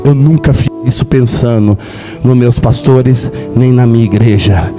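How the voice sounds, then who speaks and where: A man's voice: unhurried, music in the background. A Brazilian man in his forties preaching a passionate sermon, telling his own testimony and rising to emotional peaks. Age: 40s. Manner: impassioned, swells to high emotional peaks.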